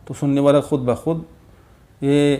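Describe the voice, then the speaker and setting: A man teaching Quran letters, slowly sounding out syllables and repeating them patiently in a lesson. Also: medium pitch, steady tone, dark tone. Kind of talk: slow recitation lesson with drills.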